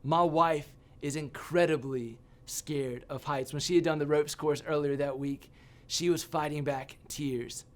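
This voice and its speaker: A man giving a sermon as a youth pastor, telling a personal story with animated, self-mocking humor. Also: a little high, measured pace, few pauses.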